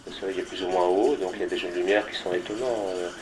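A man's voice: deep voice, steady tone, fast. A man giving spontaneous comments as an interviewee, hesitant, with many fillers and restarts. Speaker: interviewee speaking about a chapel. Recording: noisy background ambience.

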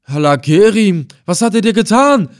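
A man's voice: lowish voice, animated, moderate pace, no echo, studio quality, close to an everyday voice. A man playing a wailing old helmsman. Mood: alarmed. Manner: pleading and wailing. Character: old male boat helmsman, talkative and excitable. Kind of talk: audiobook character voice.

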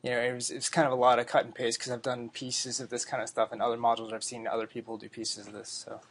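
A man presents his own project at a meetup, talking loosely and filling pauses with plenty of uhs. His voice has a gravelly, fry-tinged edge. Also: medium pitch. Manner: relaxed, lots of uh fillers. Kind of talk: casual tech demo talk. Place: meeting room.

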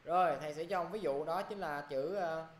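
Teaching English grammar in a brisk manner, this Southern Vietnamese-accented man keeps checking that his students follow along. His pitch is fairly high, and the room sounds echoey.

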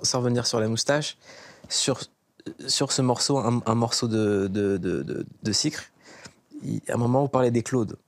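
A man's voice: fairly low pitch, vocal fry, no echo. Playful male host, dry close sound. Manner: playful, teasing questions. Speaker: interviewer, host. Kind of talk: casual interview.

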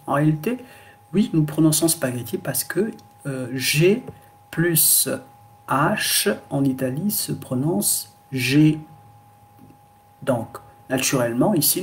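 A man teaching a pronunciation lesson in French, explaining slowly with many fillers and repetitions. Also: fairly high pitch, creaky. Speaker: language teacher.

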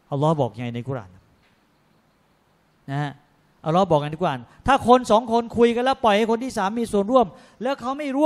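High-voiced man giving a lively religious talk. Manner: lively, joking, acts out voices of people in anecdotes; often tags sentences with polite particles. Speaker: Islamic lecturer on a panel. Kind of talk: religious panel talk to an audience.

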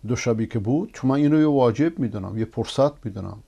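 A man with a husky, animated mid-range voice and vocal fry hosts a religious TV program, heard on a muffled recording. He reads viewers' messages and answers them, preaching emphatically until he rises to forceful denunciation.

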